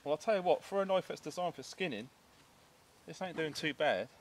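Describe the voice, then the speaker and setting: A man's voice: a little high, expressive, brisk, a little hiss or hum. A British man chatting casually outdoors in a blokey, jokey, slangy way while trying out gear. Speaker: outdoor bushcraft vlogger. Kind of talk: casual chat while testing a knife. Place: outdoors among trees and undergrowth.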